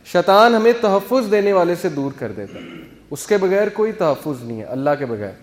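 A man's voice: high-pitched, big pitch swings. A male teacher giving an earnest, conversational religious talk, explaining with everyday examples and mixing in English words. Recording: long hall reverb.

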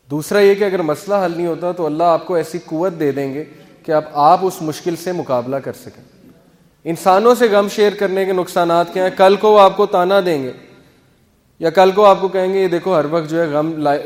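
A male teacher giving an earnest, conversational religious talk, explaining with everyday examples and mixing in English words. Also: high-pitched. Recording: long hall reverb.

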